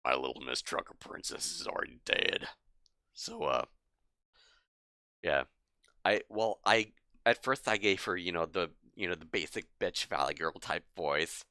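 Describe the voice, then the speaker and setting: A woman's voice: rumbling low, expressive, unhurried, bright, forceful tone, no echo, clean studio sound. A young woman streaming a game, chatting casually and animatedly, often laughing. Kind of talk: casual live-stream chat.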